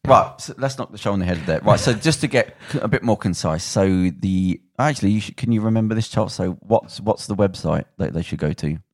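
Give me a very low-pitched man chatting loosely as a podcast host. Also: a little fast, few pauses, slightly rough, dry recording, studio quality. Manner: loose, laughing, trails off and restarts. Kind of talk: casual chat.

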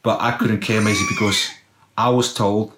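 A middle-aged South African former footballer whose first language is Afrikaans tells his life story as an interview guest, acting out his past self with exclamations. His fairly low voice swings hugely in pitch at a moderate pace, and the recording has a roomy echo and background noise.

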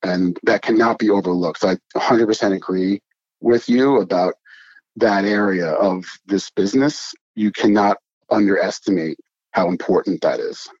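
A man with a low voice talks earnestly about his restaurant, stacking up points with emphasis. The sound is dry and a little dull. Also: steady tone, normal speed, darkish tone, no room sound. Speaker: restaurant co-owner. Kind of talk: interview answers.

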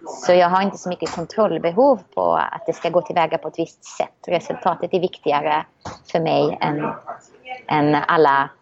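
A woman talking in a relaxed, reflective way, a little hesitant with frequent restarts. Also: deep voice, vocal fry, dull audio, background noise. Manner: reflective and optimistic, many restarts. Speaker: guest. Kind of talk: casual conversation.

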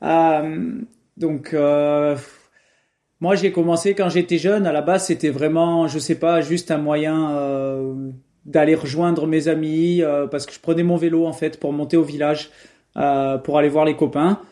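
A man's voice: fairly high pitch, steady tone, a little slow, warm tone. A young man from France answering interview questions in a casual, hesitant way, with many fillers and restarts. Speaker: guest, professional triathlete.

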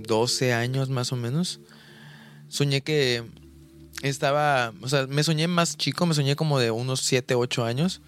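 A man's voice: medium pitch, a bit bright. A young man co-hosting a podcast, chatting casually with many restarts and fillers. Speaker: podcast co-host. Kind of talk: casual chat.

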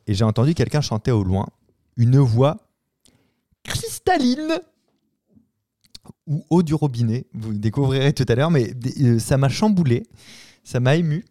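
A man's voice: medium pitch, dark tone, no room sound, studio quality. A man hosting a comedy podcast in casual chat, playful and sometimes stumbling over his phrasing, sounding tired. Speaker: podcast host.

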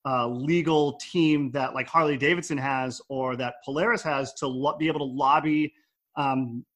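A man's voice: medium pitch, steady tone, moderate pace, fairly bright tone. A man hosting a casual podcast, chatting loosely with lots of fillers and reading news items aloud. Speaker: podcast host. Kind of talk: casual motorcycle news chat.

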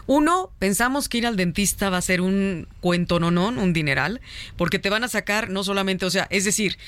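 A woman's voice: mid-range voice, lively intonation, a bit bright. A woman, co-hosting a health talk show in a chatty, casual way. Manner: chatty, quick asides. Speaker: co-host. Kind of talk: casual chat.

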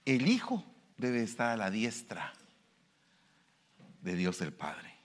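A man's voice: slow, big-room sound. A male preacher, giving a sermon and asking his listeners questions. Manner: animated, shifts pitch and pace for emphasis, asks the audience questions.

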